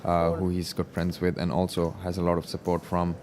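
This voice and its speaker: A man commentates live poker in a very low, fairly flat voice. He explains the play in a measured way, over clearly audible background noise. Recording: noisy live-event ambience.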